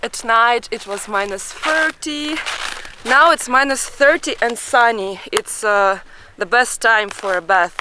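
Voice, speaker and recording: A woman vlogging casually while sitting in ice cold water outdoors, letting out breathy exclamations. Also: on the high side, a little slow. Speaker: travel vlogger and host. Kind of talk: casual vlog talk. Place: outdoors in a freezing river. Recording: noisy outdoor recording with water sounds.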